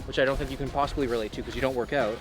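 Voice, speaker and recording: A man's voice: mid-range voice, steady tone, rapid-fire, loud music behind the voice. A young man chatting casually and jokingly in a fitness vlog, explaining diet tips. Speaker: fitness vlogger.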